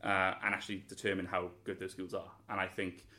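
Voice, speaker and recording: A young Welsh student answers interview questions earnestly and thoughtfully, with many hedges and restarts. His voice sits low and sounds pushed and bright, delivered a little fast and completely flat.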